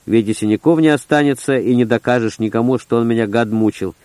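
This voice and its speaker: A man's voice: medium pitch, quick pace, darkish tone, no echo. A man reading a first-person story aloud in short, terse, gritty phrases. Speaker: audiobook narrator. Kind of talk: first-person audiobook narration.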